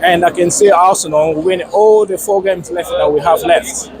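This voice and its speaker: An excited man giving a casual post-match fan interview outdoors, emphatic and repeating his phrases. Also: high voice, moderate pace. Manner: excited, buzzing. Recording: noisy outdoor street with crowd.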